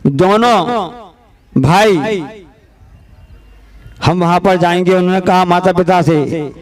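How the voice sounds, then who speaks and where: High-voiced man preaching a sermon. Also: a crowd in the background. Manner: acts out dialogue in his stories, deliberate and emphatic. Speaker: Jain preacher. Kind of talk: sermon with storytelling. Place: large seated gathering.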